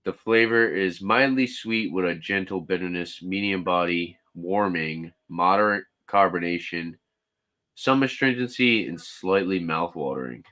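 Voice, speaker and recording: A man's voice: low-pitched, unhurried, bright, forceful tone. A man hosting a casual live beer review, chatting and reading can labels aloud.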